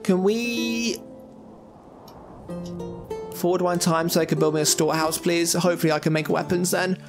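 A young man with a high, bright-sounding pitch chats through a game as he plays it, thinking aloud and tossing out jokey asides. Faint game music sits quietly behind his voice. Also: fairly even intonation, moderate pace. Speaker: gaming YouTuber. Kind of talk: casual let's-play commentary.

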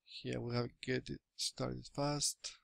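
His voice sits at medium pitch, flat and creaky, with no room sound. He's a Greek affiliate marketer in his thirties doing a hesitant, casual screen-recorded walkthrough of a product from a small room, picked up by a webcam or laptop mic. His English, a second language, has a Greek accent and stumbles through fillers and restarts.

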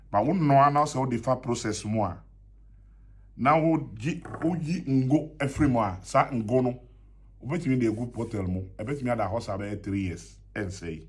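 A man's voice: medium pitch, breathy edge. A man in his thirties with a Ghanaian accent, preaching a sermon to a close phone camera from a small indoor room, emphatic and repeating key lines. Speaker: pastor. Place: small brightly painted indoor room, seated at a desk. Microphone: phone camera at close range.

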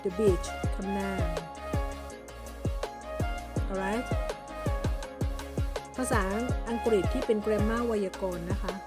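Over loud music, a woman from Thailand gives a slow English vocabulary lesson in a mid-range voice with fairly even intonation, speaking very slowly and pausing often. With her Thai accent, she explains words patiently and says each English term several times.

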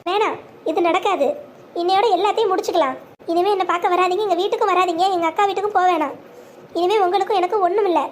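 A woman playing a heartbroken young bride in a cartoon, voiced very high with a quick delivery. She speaks bitterly but firmly, proud and resolved. A faint background hiss stays under her.

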